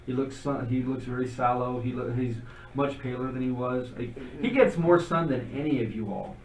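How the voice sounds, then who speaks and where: A man's voice: mid-range voice, normal speed, a little mellow, roomy sound, distant mic, rough recording. A man narrating as game master of a tabletop game, describing things in a loose, conversational way.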